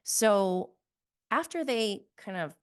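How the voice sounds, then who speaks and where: A woman's voice: medium pitch, lively intonation, takes it slowly, smooth. A woman giving a casual, conversational recap of reality TV as a host, opinionated and emphatic in how she makes her points. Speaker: podcast host.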